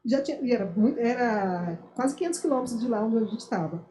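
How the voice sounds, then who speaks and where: A woman's voice: a little high, lively intonation, brisk, dark tone. A woman in her fifties telling a personal story in a chat, acting out the dialogue as she goes. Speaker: guest, missionary. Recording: roomy echo.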